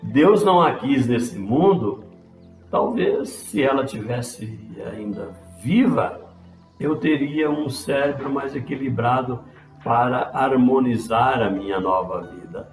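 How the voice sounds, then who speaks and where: A man's voice: medium pitch, slow, natural voice. A man voicing an earnest young man pleading with his father, in a roomy space with faint music.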